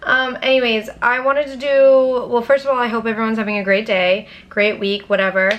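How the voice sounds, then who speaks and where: A woman's voice: on the high side, flat delivery, brisk, dull audio, a little hiss or hum. A young woman telling a storytime vlog to her camera, casual and chatty, swearing freely and filling with "um" and "anyways". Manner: casual, profane and chatty, with frequent fillers. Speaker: YouTuber. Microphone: camera mic, talking to camera.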